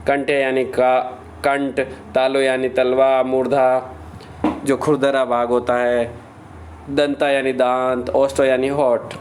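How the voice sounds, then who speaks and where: Man drilling a grammar lesson, slow and steady. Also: mid-range voice, a little hiss or hum. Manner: recites lists in a steady drilling rhythm, asks and answers own questions. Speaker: teacher.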